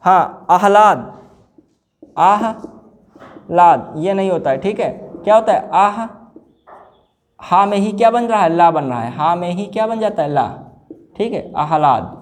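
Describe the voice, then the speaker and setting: A man's voice: high voice, expressive, normal speed. A male teacher giving an exam-prep spelling lesson, repeating each word and quizzing his students, calling them brother in an informal way. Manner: addresses listeners informally as brother.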